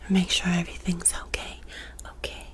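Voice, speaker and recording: A young woman performs a whispered role-play as an energy healer. Her breathy whisper comes from right up at the mic. She delivers it as fast, insistent ASMR, giving orders and repeating words in rapid strings. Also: fairly low pitch, completely flat delivery. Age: young adult. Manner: commanding, directing the listener to focus. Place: small dark room indoors. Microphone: close desk microphone.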